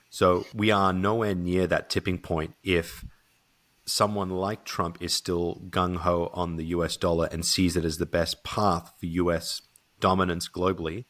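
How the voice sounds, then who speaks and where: A man's voice: deep voice, fairly bright tone. A man speaking as a podcast guest, talking things through thoughtfully with frequent hedges and restarts. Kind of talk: casual conversation.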